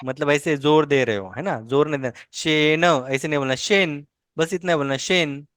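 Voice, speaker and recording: A woman's voice: sits low, dry recording, clean studio sound. A woman teaching a language lesson, patiently modelling and correcting pronunciation word by word. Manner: corrects and models words slowly, repeating each.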